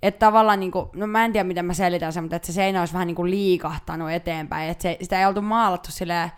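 Chatty young woman, low smooth voice. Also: steady tone. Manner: rambling, chatty storytelling with many fillers. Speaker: podcast co-host. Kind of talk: casual chat.

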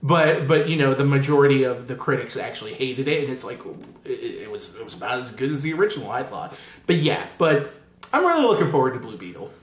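A man co-hosting a film podcast in casual chat, excitable and tripping over his words. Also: mid-range voice, quick pace, reverberant. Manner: excitable, stumbles and repeats words. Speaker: podcast co-host.

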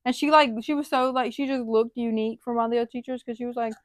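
A woman's voice: fairly high pitch, fairly even intonation, fast, no room sound. A teenage girl co-hosting a podcast, talking casually and hesitantly, filling with many "like"s. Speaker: podcast co-host. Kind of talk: casual chat.

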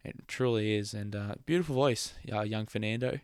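A man's voice: lowish voice, normal speed, a little mellow, smooth, dry recording. A young man hosting a casual motorsport podcast, chatty, laughing often and trailing off mid-thought. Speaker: podcast host.

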